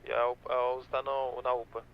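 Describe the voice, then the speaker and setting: A man's voice: mid-range voice, level tone, brisk. A man working as a police dispatcher in a game roleplay, heard over a police radio, answering in clipped radio codes. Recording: dull lo-fi radio voice.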